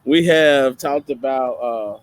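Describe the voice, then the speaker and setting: A man from East Tennessee with an Appalachian twang, co-hosting a talk show in a casual, folksy, halting way and often correcting himself. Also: medium pitch, clear, resonant tone. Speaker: show co-host.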